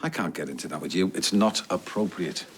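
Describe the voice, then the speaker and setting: A man's voice: low voice, a little fast, slight background noise, lightly acted. An actor playing an evasive, menacing man, dismissive and needling, in a TV soap. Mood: evasive, defensive. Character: evasive, menacing man cornered by a questioning girl. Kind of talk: naturalistic TV soap acting.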